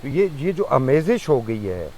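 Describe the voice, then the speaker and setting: A man's voice: mid-range voice, sing-song, a little mellow, slight background noise, rough recording. A man hosting an interview, prompting with short questions and frequent affirmations. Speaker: interview host. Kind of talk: conversational interview.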